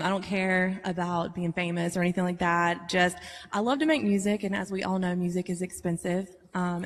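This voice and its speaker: Woman, singer-songwriter guest, relaxed conversational delivery, heavy big-hall echo on a live-stream mic. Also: lowish voice. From southern Georgia, USA. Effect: big hall reverb on the mic. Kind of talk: casual interview chat. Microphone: live-stream call with reverb left on.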